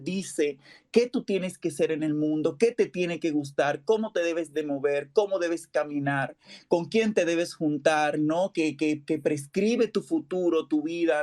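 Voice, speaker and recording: A woman's voice: low-pitched, a little mellow. Woman podcaster from the Dominican Republic, panel guest; reflective, long-winded, frequent tag questions. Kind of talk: panel talk in an online audio space.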